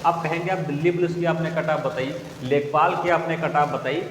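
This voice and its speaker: A young male teacher with a slightly high voice briskly explains exam updates to his students, keeping his intonation fairly even. He repeats every point and asks the class to recall it. The room is echoey with long reverb, faint ambience, and a bit of hiss or hum.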